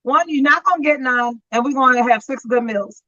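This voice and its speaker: A woman in her fifties co-hosts a casual chat show from a friend's house, a chatty storyteller who laughs often. Her high voice moves at a moderate pace with a bright, forceful tone, though the audio is dull.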